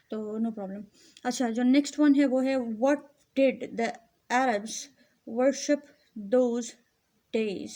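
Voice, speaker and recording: A woman teacher with a Pakistani accent, giving a recorded lesson to young pupils and explaining things slowly and patiently. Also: fairly high pitch, dark tone. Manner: slow, patient explaining, mixing English and Urdu. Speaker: school teacher. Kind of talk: recorded classroom lecture.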